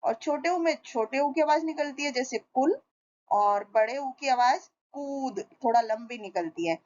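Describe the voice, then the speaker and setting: Woman, teacher, children's reading lesson, slow deliberate syllables, slightly high voice, dull lo-fi sound. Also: darkish tone. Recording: dull lo-fi recording.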